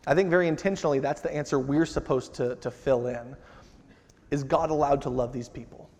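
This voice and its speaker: A man's voice: medium pitch, fairly quick, darkish tone. A man preaching a sermon to his congregation, talking in an easy, conversational way and acting out the lines he quotes. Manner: conversational, acts out quotes with rising intensity. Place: church sanctuary. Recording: reverberant church hall.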